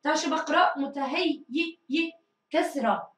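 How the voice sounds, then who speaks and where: A woman teacher giving a grammar lesson, drilling answers and stretching words slowly. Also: sits high, recorded from a distance. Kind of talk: recorded classroom grammar lesson. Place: school studio room. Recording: echoey room, mic set back.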